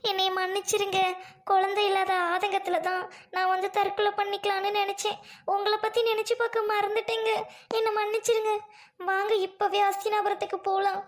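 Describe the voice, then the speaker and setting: A woman's voice: very high voice, level tone, brisk. A woman voicing a devout, childless village wife who prays earnestly in a Tamil cartoon. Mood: remorseful. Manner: earnest, pleading.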